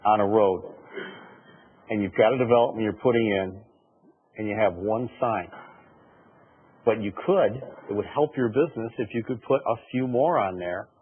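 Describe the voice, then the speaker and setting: A man's voice: fairly low pitch, normal speed, pauses often, breathy edge. A man on a township board, laying out his argument step by step at a public meeting. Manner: explanatory, builds an argument step by step. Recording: tinny lo-fi meeting audio.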